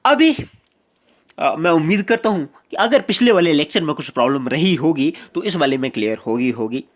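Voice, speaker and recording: Male teacher, grammar lecture, very lively rising and falling voice, repeats points patiently. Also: a little high. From Jammu and Kashmir. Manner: repeats each point slowly, mixing in English examples.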